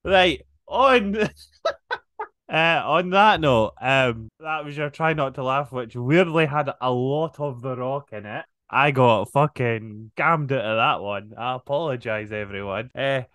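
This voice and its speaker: Brief: laid-back podcast host, slow-talking and sweary. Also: male voice, mid-range voice, a bit bright, dry recording. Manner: laughing, swearing, rambling asides. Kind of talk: casual reaction commentary.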